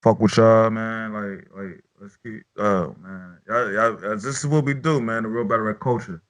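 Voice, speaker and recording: A man with a fairly low voice talks loosely into his own podcast mic. He is profane and rambling, and he repeats himself while he reviews battle raps in casual chat. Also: steady tone, moderate pace.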